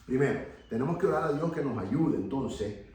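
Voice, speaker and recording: A man's voice: mid-range voice, animated, normal speed, a little mellow, slight background noise. A man teaching a church Bible class in an earnest preaching tone, often repeating key phrases and checking in with "ok". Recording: echoey room, voice from a distance.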